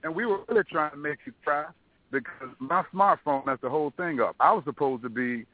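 Fast-talking man on a phone line. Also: on the high side, no room sound. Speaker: caller, friend of the host. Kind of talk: casual comic banter.

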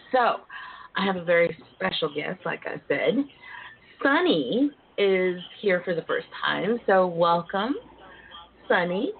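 A woman hosting a casual, playful radio talk show, with a sassy, drawn-out delivery and folksy endearments. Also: fairly low pitch. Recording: narrow phone-like line with faint noise.

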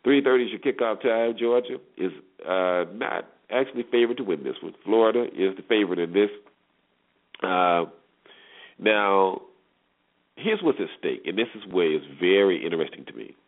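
A man with a lowish voice and lively intonation runs a solo sports talk show at a moderate pace. He chats through his commentary with rhetorical questions and repeated emphasis, and the audio has a tinny phone-line internet radio quality.

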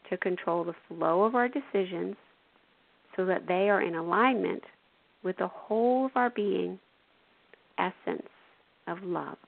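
Female radio host for spiritual self-help, gentle coaching tone, gravelly voice, tinny phone-line audio. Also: medium pitch. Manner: gentle, coaching, adds "you know" and "right". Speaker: radio show host and intuitive.

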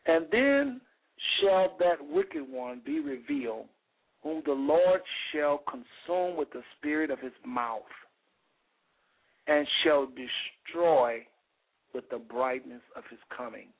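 A man hosting a radio show preaches fervently, reading scripture aloud and leaning on rhetorical repetition. His slightly raspy voice is a little high, animated and slow, and the recording has a phone-like, radio call-in sound.

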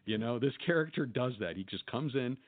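Male podcast co-host, chatty and giggly, mid-pitch, narrow phone-like sound. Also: expressive, brisk. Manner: laughs often, enthusiastic retelling of jokes. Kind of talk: casual chat.

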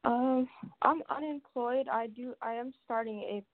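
A woman calling in by phone to a radio show, hesitant and quiet, answering slowly and spelling out her name. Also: on the high side, no echo. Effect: phone line into a radio show. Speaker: caller. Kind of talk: call-in chat. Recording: tinny dry phone line.

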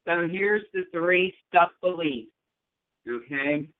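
A man with a fairly high voice gives a psychic reading over a tinny phone line. He speaks slowly and deliberately, with halting phrases. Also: lively intonation, dry recording. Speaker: psychic healer taking calls. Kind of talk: casual live psychic reading.

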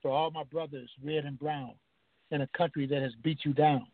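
A man's voice: a little high, steady tone, a little fast, no room sound. Guy on the phone doing spoken word poetry, rhythmic, tinny line. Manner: rhythmic, emphatic refrains. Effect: over the phone. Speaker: caller reciting his poem.

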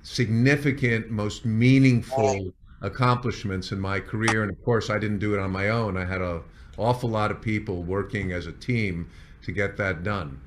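A man speaking as a chief executive and founder, recounting company history in measured executive storytelling, as if addressing staff. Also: lowish voice, fairly even intonation, slight background noise.

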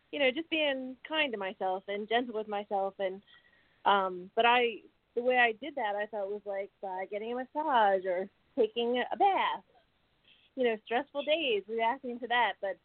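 A woman guest coach talking in a warm, earnest way, with many "you know"s as she shares her experience. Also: medium pitch, dry recording. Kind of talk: casual conversational sharing. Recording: phone-line call-in audio.

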